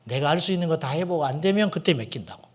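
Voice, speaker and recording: Male pastor, middle-aged, slightly high voice, animated sermon storytelling with sudden hushed asides. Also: fast talker. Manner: storytelling, dramatic swings from loud to hushed. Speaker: senior pastor. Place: church sanctuary.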